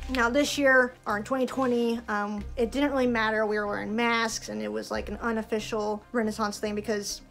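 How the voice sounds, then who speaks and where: A woman's voice: on the high side, fairly bright tone. A young woman talking casually in a vlog, chatty and full of fillers, her voice a bit tired. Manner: chatty, lots of "like", frequent laughs. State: voice tired from projecting. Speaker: festival cast member vlogger.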